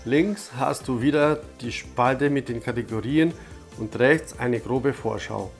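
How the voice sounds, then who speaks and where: Over soft background music, a YouTube channel host with a cold gives a casual step-by-step tutorial. He speaks a little slowly at medium pitch, guiding the viewer in a friendly, direct way.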